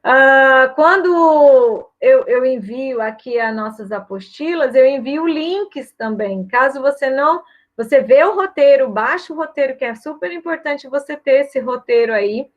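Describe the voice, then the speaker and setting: A woman's voice: sits high, expressive, a little slow, phone-quality sound. A woman lecturer with a Brazilian Portuguese accent, explaining course assignments in a chatty way and checking in with "tá?" and "né?". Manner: chatty, repeats "tá?" and "né?" often. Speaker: university lecturer. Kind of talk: recorded course guidance.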